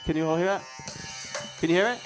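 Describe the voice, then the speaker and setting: A middle-aged man, raised in Norway, speaking at a conference, halting and self-deprecating, full of restarts and fillers. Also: on the high side, over music. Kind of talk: hesitant conference talk. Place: conference hall stage.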